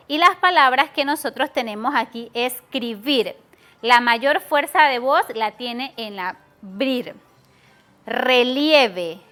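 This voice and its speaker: Bright-voiced woman teacher, patient. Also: high-pitched. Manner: patient, explains step by step, stretches out words. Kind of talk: televised class for schoolchildren.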